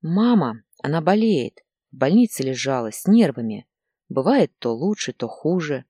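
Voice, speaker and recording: A woman voicing a calm, tired young man who answers quietly in an audiobook story. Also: deep voice, moderate pace, slightly rough, no room sound, clean studio sound, full character voice. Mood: subdued.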